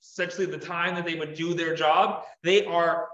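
A man's voice: on the high side, steady tone, moderate pace, fairly bright tone, muffled recording. A young man giving a casual beekeeping talk to a group, chatting loosely with many fillers and restarts. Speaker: beekeeping presenter. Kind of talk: casual slide-show talk. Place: meeting room, indoors. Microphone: far camera. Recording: echoey room from far off.

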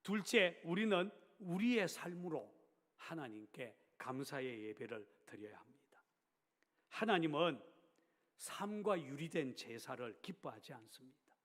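A male pastor delivers a sermon in a church sanctuary, emphatic and swinging between raised, insistent phrases and hushed endings. His voice sits a little high for a man. A long reverb trails after each phrase.

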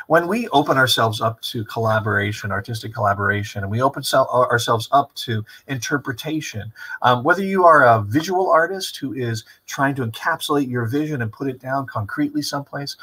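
A man in his fifties with a husky voice gives an informal online lecture in a rambling, reflective, professorial way. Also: medium pitch, sharp tone, rough recording. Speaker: theater director giving a talk. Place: small room with brick wall and window, indoors.

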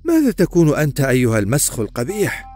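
Guy doing an angry knight, yelling, voice shoots up, storybook. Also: a little high, wildly swooping pitch, quick pace, soft background music, pitched above the performer's own voice. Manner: angry, shouting in defiance. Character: fearless, hot-tempered male knight.

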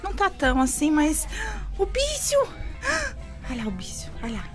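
A woman's voice: sits high, very animated, fast. A Brazilian woman filming a casual home vlog in her bedroom, chatting animatedly and exclaiming to her little ones as she cleans. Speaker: vlogger and mother. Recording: loud music over the voice. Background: loud background music.

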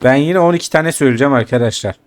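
A man's voice: medium pitch, racing. A man giving casual gameplay commentary as a gaming YouTuber, chatting to his viewers and grumbling and swearing at the game as he plays.

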